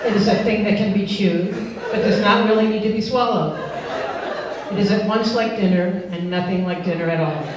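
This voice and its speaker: At a live benefit event, a woman reads a comic story aloud, voicing an obsessive, pushy, self-centred dog with pompous, insistent phrasing in an earnest, coaxing mood. Her natural mid-range voice keeps a moderate pace over a noisy, laughing crowd. The hall is echoey and she's far from the mic.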